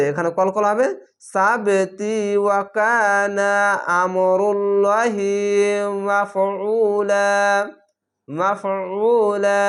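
A man teaching Quran reading in a recorded lesson. He spells words out letter by letter and draws the recited words out slowly. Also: sits high. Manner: patient, repetitive instruction.

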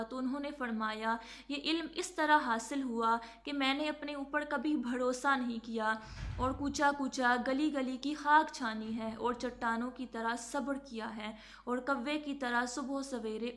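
A woman's voice: high voice, a bit bright. A woman giving an instructional talk on Quran recitation, explaining patiently and drawing out words to demonstrate their sounds, with English words mixed into her speech. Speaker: religious teacher.

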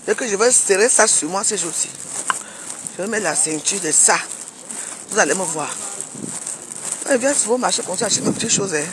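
A woman's voice: medium pitch, animated, fairly quick, pauses often, background noise. A woman in a casual vlog, scolding a rival with pointed rhetorical questions as she walks outdoors at a market. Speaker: social media commentator.

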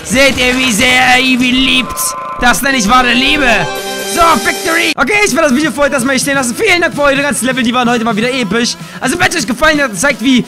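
A man giving excited commentary while playing a game, yelping and shouting at each miss and ranting with casual swearing. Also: extremely high pitch, very fast, hardly any pauses, over music. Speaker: let's play host.

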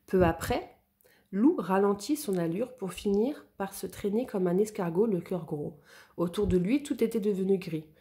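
A woman narrating a children's story in a lively, expressive way. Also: medium pitch, normal speed.

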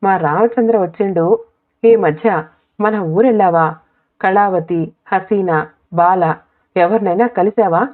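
A woman's voice: medium pitch, slow pace, long pauses, natural voice. A woman doing a worried elderly village woman. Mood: concerned. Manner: gently questioning, raising her voice to be heard. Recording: tinny phone-like audio.

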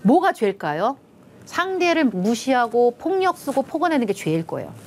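Animated woman lecturing on family talk. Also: on the high side, normal speed, a little hiss or hum. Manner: animated, acts out quotes in lively voices. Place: television studio with panel.

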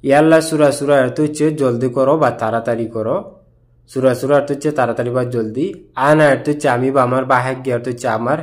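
A man giving a scripted language lesson, explaining each phrase word by word in a steady, repetitive way. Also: medium pitch, fast. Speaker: language teacher.

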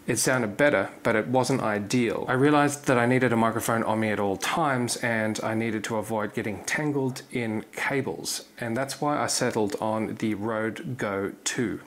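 A man in his thirties, a cooking streamer, calmly and methodically explaining to camera in his home kitchen on a lapel mic. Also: on the low side, moderate pace, few pauses. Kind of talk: scripted talk to camera. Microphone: lavalier clipped to apron.

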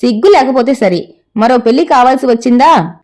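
A woman's voice: on the high side, animated, a little fast, darkish tone, close to an everyday voice. A woman voicing a fretful middle-aged mother who scolds and complains to get her son married. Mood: scolding.

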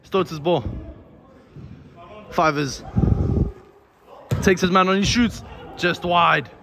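A man commentating live on an amateur football match, excited and out of breath, with stock phrases. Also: high voice, takes it slowly, background noise.

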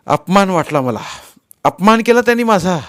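A man's voice: mid-range voice, measured pace, natural voice. A male narrator voicing a proud husband who bristles with anger and snaps back sharply. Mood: angry. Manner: angry, sharp outbursts. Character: proud husband, hot-tempered and offended.

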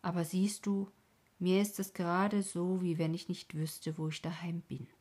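A woman voicing a wistful, sad little boy in a bedtime story, breathy and softly whispered. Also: fairly low pitch, level tone, normal speed. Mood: troubled.

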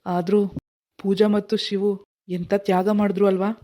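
A woman voicing a calm, agreeable young husband in a cartoon, speaking in a reassuring way. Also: mid-range voice, normal speed, natural voice. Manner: easygoing, reassuring. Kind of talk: animated cartoon voice acting.

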